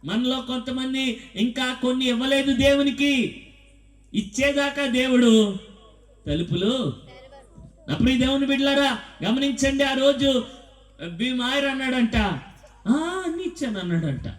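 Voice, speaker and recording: A man's voice: very high-pitched, a little slow, pauses often. A man preaching a sermon, telling stories and asking the congregation rhetorical questions. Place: church hall. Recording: echoey hall, mic at a distance.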